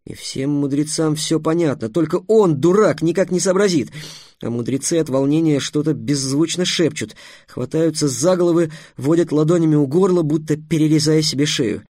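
A man narrating a fantasy audiobook in an expressive, dramatic storytelling manner. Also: on the high side, moderate pace, no room sound, studio quality. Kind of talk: expressive fairy-tale narration.

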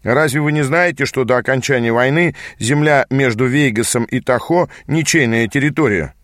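A man's voice: mid-range voice, normal speed, a bit bright, dry recording, studio quality, lightly acted. A man voicing a lazy, insolent young man, an officer's son, drawling in an audiobook reading.

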